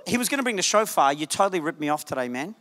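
A male guest preacher giving a lively, jokey sermon to a congregation, punching points with sudden loud bursts. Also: on the high side, rapid-fire. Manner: animated, jokey, shouts for emphasis. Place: church sanctuary. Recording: church hall reverb.

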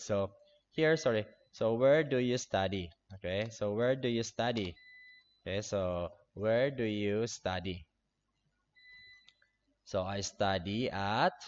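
A man in his twenties from the Philippines, an English teacher slowly walking an online class through a review, repeating each point. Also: fairly low pitch. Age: 20s. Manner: slow, repetitive classroom explaining. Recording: dull lo-fi online class audio.

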